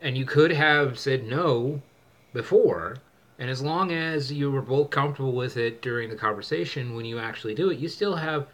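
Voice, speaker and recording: A man's voice: medium pitch, normal speed, fairly bright tone. A man hosting a casual chat, rambling with many restarts and fillers. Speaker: channel host.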